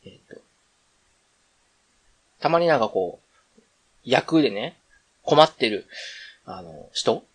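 A man's voice: fairly high pitch, animated, slow pace, gravelly, pauses often, breathy edge, no echo. A man with a Kansai accent hosting a solo podcast, chatting in a rambling, conversational way and often correcting himself. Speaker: podcast host. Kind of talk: casual solo radio chat.

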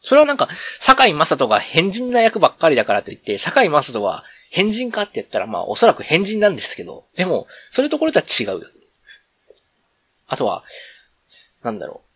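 Solo podcast host, a man with a Kansai accent, rambling, very lively intonation, dry close sound. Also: a little high, brisk, breathy edge, no room sound. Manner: rambling, conversational, self-correcting. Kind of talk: casual solo radio chat.

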